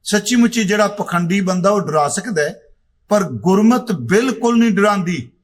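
Middle-aged male preacher, raised pitch, slow chanted verses between plain explanation. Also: expressive. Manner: chants scripture lines slowly, explains in plain speech. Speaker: Sikh preacher giving katha. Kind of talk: religious discourse on scripture.

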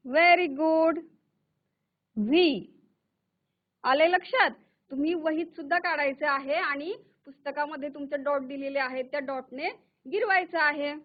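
Slow, patient high-voiced woman teacher. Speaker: primary school English teacher. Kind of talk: virtual classroom lesson for young children. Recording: tinny phone-like audio.

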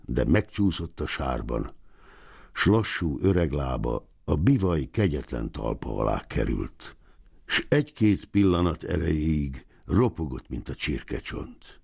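A young man narrates a short story in a measured, expressive reading. His voice is very deep, with a gravelly, husky grain, and his pitch moves a lot as he tells it. It is recorded close up in a dry room with no echo. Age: young adult. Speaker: audiobook narrator.

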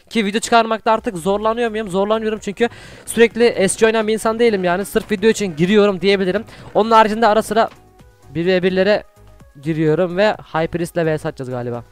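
A young man with a high, quick voice commentates his gameplay. He keeps chatting to his viewers between moves and bursts into loud shouts whenever a fight starts. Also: clean tone, soft background music. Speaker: gaming YouTuber.

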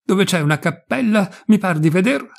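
A man's voice: high-pitched, animated, moderate pace, creaky, pitched above the performer's own voice, heavily acted. A man reading aloud voices a brave young boy lookout, earnest and eager in his answers.

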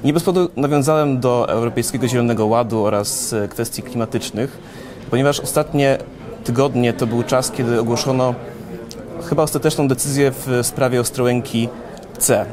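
A young man interviewing a guest at a conference, asking brisk questions with filler hesitations. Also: mid-range voice. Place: conference interview stand, indoors. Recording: busy crowd chatter behind.

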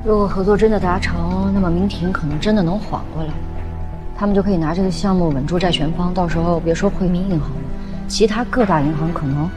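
A woman's voice: on the low side, fast, close to an everyday voice. An actress playing a female executive who argues hard in a boardroom meeting. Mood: insistent. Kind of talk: TV drama acting. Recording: drama with strong music score.

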